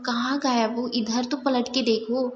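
Woman narrator doing a teasing younger sister, high, in an echoey room. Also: fairly even intonation, a little slow, lo-fi sound, a little hiss or hum, lightly acted. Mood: playful. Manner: pleading, playful. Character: younger sister, cheerful and pleading.

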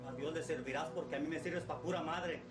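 A man's voice: fairly high pitch, steady tone, brisk, lightly acted. A middle-aged man with a Mexican Spanish accent playing a ruthless, foul-mouthed kidnapper boss who barks orders and threats. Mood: menacing. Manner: barking orders, insulting and threatening. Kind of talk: low-budget film acting. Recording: echoey room with music underneath.

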